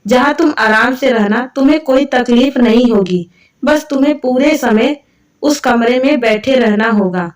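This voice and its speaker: Storybook role: insistent traditional mother-in-law, read by a woman narrator, higher voice, distant mic. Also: unhurried, natural voice. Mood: stern. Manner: scolding, insistent. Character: strict traditional middle-aged mother-in-law.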